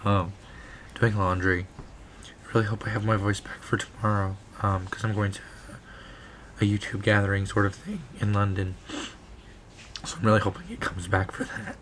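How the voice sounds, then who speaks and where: Guy in his 20s vlogging with a lost voice, kinda low, hoarse, cuts out into whispers. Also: level tone, moderate pace, pauses often, fairly bright tone, slight background noise. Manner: weak on-and-off voice dropping to whisper. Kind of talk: casual vlog chat. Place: small bedroom, indoors.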